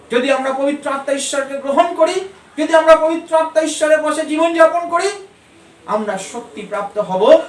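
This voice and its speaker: A man with a high, ringing voice preaches with fervor, repeating his key lines with rising emphasis. His voice rings through an echoey church and reaches a mic set some distance away, with faint noise underneath. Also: fairly bright tone. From Bengal. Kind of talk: sermon.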